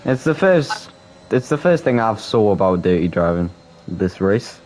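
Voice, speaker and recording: A man with a Geordie accent doing casual sim racing commentary, excitable and quick to restart his sentences. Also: on the low side. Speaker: race commentator.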